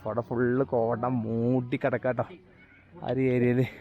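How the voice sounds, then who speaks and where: A man with a Malayali accent chats casually and excitedly to viewers, repeating phrases and mixing Malayalam with English slang. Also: medium pitch, a little slow, phone-quality sound, a crowd in the background. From Kerala, India. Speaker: travel vlogger. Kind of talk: casual vlog chat to viewers. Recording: noisy outdoor ambience with vehicle sounds. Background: outdoor ambience, vehicle noise.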